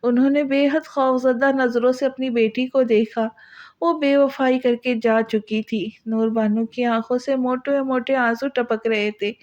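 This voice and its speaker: A woman's voice: high-pitched, steady tone, darkish tone, muffled recording. A woman narrating an Urdu novel as an audiobook in an emotional, dramatic way. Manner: emotional, voices the characters' cries.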